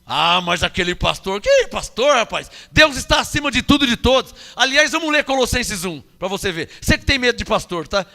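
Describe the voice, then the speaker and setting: A man's voice: extremely high pitch, animated, fairly quick, hardly any pauses, bright, forceful tone, long reverb tail. A man with a Brazilian Portuguese accent preaching a sermon, emphatic, questioning the congregation and acting out quoted voices. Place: church hall.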